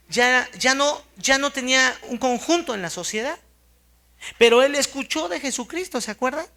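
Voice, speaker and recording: A woman preaching a sermon, fervently swinging from hushed tones to loud exclamations and asking her congregation questions. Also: a little high.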